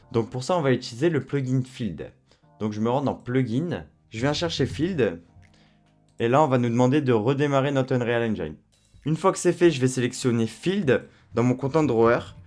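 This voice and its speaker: Man, software tutorial, relaxed chatty delivery, mid pitch, faint music behind. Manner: relaxed, chatty, with fillers like euh and hein. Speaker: tutorial host. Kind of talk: screen-recorded software tutorial.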